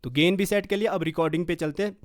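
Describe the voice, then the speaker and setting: A man teaching music production software step by step in a home studio, checking in with listeners as he goes. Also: sits high, fast. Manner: explains step by step, often adding a checking "okay". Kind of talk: screen-recorded software tutorial. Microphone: studio condenser mic.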